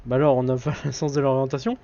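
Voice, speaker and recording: A man giving live commentary on a horror game as a streamer, excitable and jokily scolding the game's characters. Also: mid-range voice, quick pace. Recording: dull lo-fi stream audio.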